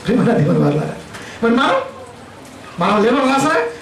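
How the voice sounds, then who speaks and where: A man's voice: very high-pitched, big pitch swings, normal speed, roomy sound, far from the mic, slight background noise, rough recording. A male pastor with a Telugu accent preaching a sermon, scolding his listeners with a string of rhetorical questions.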